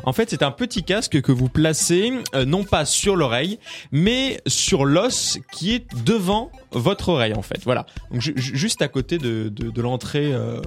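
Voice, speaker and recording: A man's voice: fairly high pitch, expressive, normal speed, soft background music. A man presenting a tech segment on a radio talk show, explaining a gadget with many hesitations and fillers. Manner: hesitant, full of fillers and "en fait". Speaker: tech columnist.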